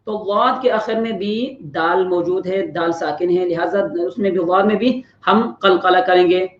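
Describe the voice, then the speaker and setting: Patient and explanatory, this Quran pronunciation teacher speaks at a mid pitch and holds each letter long to demonstrate tajweed. The sound is a roomy, somewhat dull lo-fi recording.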